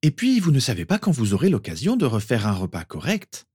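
A man voicing a bossy, caring middle-aged mother who talks in a brisk, indignant way. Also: medium pitch, huge pitch swings, a little mellow, husky, no room sound, studio quality, voice pushed up. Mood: scolding.

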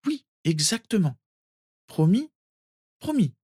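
A man reading a storybook and voicing a gentle, caring young girl who speaks in a soft, reassuring way. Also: high voice, sing-song, normal speed, husky, no echo, studio quality, pitched above the performer's own voice, heavily acted. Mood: soothing.

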